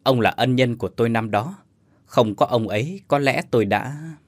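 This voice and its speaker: A man voicing a dignified old man near sixty who speaks in a grave, measured way, in a spoken story. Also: medium pitch, dry recording, close to an everyday voice. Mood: solemn.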